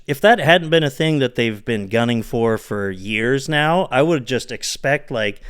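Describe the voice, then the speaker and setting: A man's voice: medium pitch, fairly bright tone, clean tone. A man co-hosting a casual comedy podcast, ranting with frequent laughs and trailing asides. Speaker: podcast co-host.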